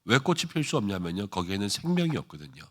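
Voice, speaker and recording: A man's voice: on the low side, very animated, quick pace, a bit bright. A middle-aged man preaching an early-morning sermon as pastor, talking in a conversational way with "uh" fillers and rhetorical questions to the congregation.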